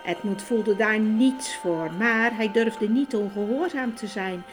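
A woman narrating a children's storybook in an expressive, measured way. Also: medium pitch, music in the background. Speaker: audiobook narrator.

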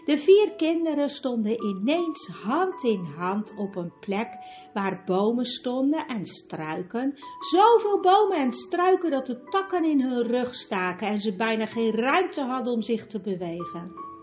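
A woman narrating a storybook in a calm, even way. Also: fairly high pitch, measured pace. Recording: dull recording with music behind.

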